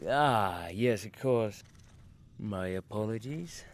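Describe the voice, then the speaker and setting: A man's voice: fairly low pitch, expressive, slow pace. A man voicing a polite, formal male interviewer asking careful questions.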